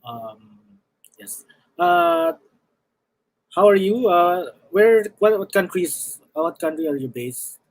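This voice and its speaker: A man's voice: high voice, sing-song, slow pace, creaky, long pauses, no room sound, low-quality recording. A man from the Philippines, a festival director, moderating a live online Q&A with many fillers and restarts.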